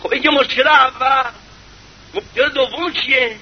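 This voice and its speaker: A male preacher giving an impassioned sermon full of rhetorical questions, sometimes breaking into shouts. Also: extremely high pitch, fairly even intonation, slightly rough. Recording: slightly muffled with faint hiss.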